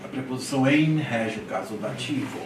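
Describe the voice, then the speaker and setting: A man's voice: medium pitch, brisk, noisy background. A man teaching a classroom Greek lesson, drilling words one by one and checking in with his students. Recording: echoey room, mic at a distance.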